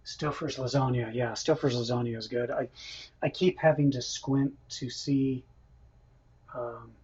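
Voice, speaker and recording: Husky-voiced man livestreaming from his kitchen. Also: mid-range voice, steady tone, a little slow, darkish tone. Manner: chatty, reads out viewer comments, laughs often. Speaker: livestream cooking host. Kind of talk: casual livestream chat. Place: home kitchen. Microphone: built-in camera microphone. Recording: dull lo-fi camera mic audio.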